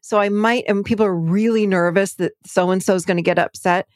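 Animated woman therapist, very dry sound. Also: medium pitch, brisk, dry recording. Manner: animated, acts out clients' quotes in livelier voices. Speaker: therapist and podcast guest. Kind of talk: conversational interview.

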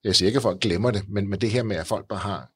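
A man's voice: fairly low pitch, slightly rough, no room sound. A male host interviewing a guest, often stumbling and repeating words as he asks encouraging questions. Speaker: podcast host. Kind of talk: interview conversation.

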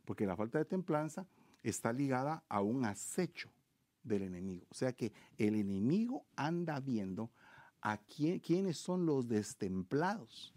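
A man co-hosting a faith-based marriage talk in a preaching style. He moralizes earnestly and presses his points with rhetorical questions. His voice sits at an ordinary male pitch, recorded close and dry. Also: big pitch swings, unhurried, a little mellow, no echo.

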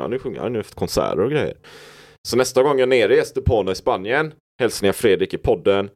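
Low-voiced man rambling on a podcast. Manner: reflective, rambling storyteller. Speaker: podcast host. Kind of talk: casual podcast conversation.

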